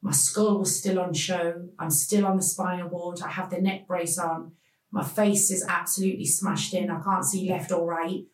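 A woman tells a painful personal story as a podcast guest, speaking haltingly with many pauses. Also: on the low side, little pitch movement, distant mic. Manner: slow, halting, emotional retelling with many pauses. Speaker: podcast guest telling her life story. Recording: roomy sound, voice off the mic.

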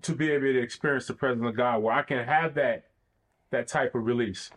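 A man's voice: medium pitch, fairly quick, fairly bright tone. Earnest, thoughtful man in conversation. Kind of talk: reflective conversation.

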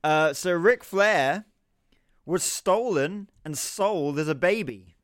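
A man's voice: high-pitched, slow pace, clear, resonant tone, no room sound, clean studio sound. A man from West London with a London accent, co-hosting a casual podcast watch-along and reading out trivia facts between jokes. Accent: London English. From West London, England. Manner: jokey, swears freely, reads off trivia facts. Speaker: podcast co-host. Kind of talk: casual chat over a live watch-along.

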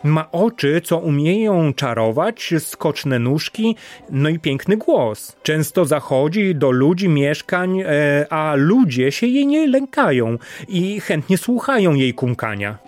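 A man's voice: a little high, sing-song, slow, darkish tone. A man voicing a hot-tempered male crocodile in a storybook, speaking frankly and emphatically. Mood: emphatic.

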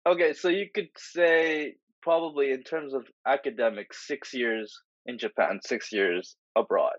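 A man's voice: mid-range voice, unhurried, no room sound, muffled recording. A man hosting a casual podcast chat, asking questions with many fillers and restarts. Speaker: podcast host. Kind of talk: casual conversational interview.

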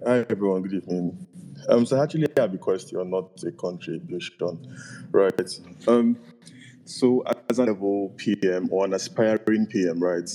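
A man, an aspiring product manager calling in, out of breath and apologetic, speaking haltingly. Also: sits low, mellow, slight background noise, rough recording.

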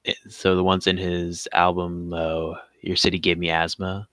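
A man's voice: sits low, little pitch movement, normal speed, bright, forceful tone, dry recording. A young man co-hosting a casual podcast, joking and laughing as he rambles. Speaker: podcast co-host.

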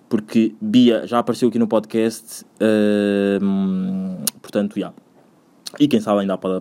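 A man's voice: fairly low pitch, mellow. A young man with a European Portuguese accent hosting a casual solo podcast, rambling, slangy and swearing often, repeating himself as he goes. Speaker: podcast host.

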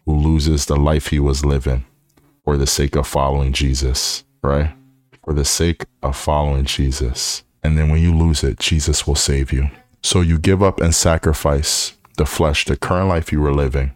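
A man's voice: a bass voice, fairly even intonation, normal speed, darkish tone, no echo. A man preaching a podcast sermon, earnest and exhorting, often repeating phrases and asking "right?".

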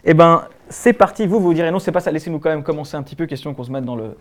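A man's voice: a little high, rapid-fire. A man with a Swiss French accent hosting a live-stream talk show, rambling with many fillers. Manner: rambling, hesitant, lots of fillers. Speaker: host.

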